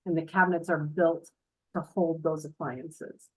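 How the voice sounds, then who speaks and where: Chatty woman with a lowish voice. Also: little pitch movement, a little slow, slightly rough, poor audio. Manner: chatty, informal, explanatory. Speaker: home builder representative giving a tour. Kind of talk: casual narrated house tour. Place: voice-over talking over a tour video.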